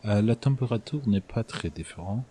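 A young man speaking haltingly about his life, with many restarts and fillers. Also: on the low side, expressive, warm tone, husky. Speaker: interviewee. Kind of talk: casual personal talk in halting French.

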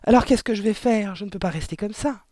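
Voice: medium pitch, quick pace, a little mellow, no room sound, voice pushed up, natural voice. A reader voicing a blustering middle-aged father who bellows in outrage and panic in an audiobook. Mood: anxious. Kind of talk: audiobook reading.

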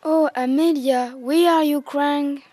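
A woman's voice: high voice, steady tone, slow, dark tone, no echo. A schoolgirl playing an eager pupil on a zoo trip in a school play.

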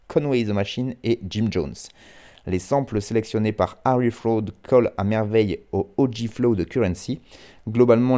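A man with a fairly low, warm, mellow voice presents the last track of a rap radio show. He talks in a relaxed, unpolished way, laughing at his own pronunciation and filling gaps with hesitations. He then reads a review aloud in the same easygoing tone. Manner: relaxed, self-deprecating, hesitant with frequent fillers. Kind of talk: casual spoken presentation, reading a review aloud.

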